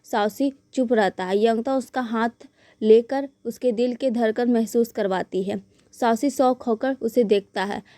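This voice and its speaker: A woman's voice: fairly high pitch, unhurried, mellow, no echo. A woman with an Indian accent narrating a drama recap, retelling the scenes and reading each character's lines in her own plain storytelling voice.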